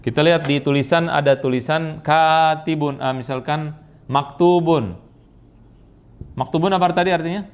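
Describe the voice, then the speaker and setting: An Indonesian-accented man teaching an Arabic grammar class, quizzing students with quick questions and repeating their answers. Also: fairly high pitch. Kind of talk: classroom lesson.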